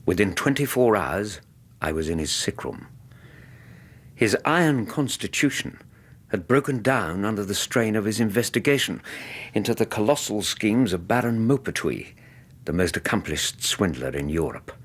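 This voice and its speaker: Doctor Watson, low, husky, expressive Englishman. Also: normal speed. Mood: grave, reflective. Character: loyal, caring English doctor, the detective's old friend. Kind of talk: radio drama acting and narration.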